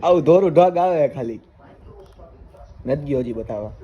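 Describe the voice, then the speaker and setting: A man's voice: a little high, expressive, moderate pace, mellow, muffled recording. A young man with a Gujarati accent, chatting casually to viewers in a vlog. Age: young adult. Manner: chatty, addresses viewers as guys. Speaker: vlogger.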